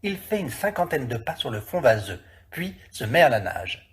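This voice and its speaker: A man narrating a classic story in a vivid, expressive reading. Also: mid-range voice, moderate pace.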